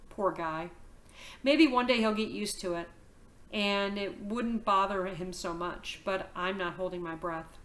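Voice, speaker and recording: A woman, a teacher reading a novel aloud to her class, telling the story in a lively, expressive way. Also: mid-range voice.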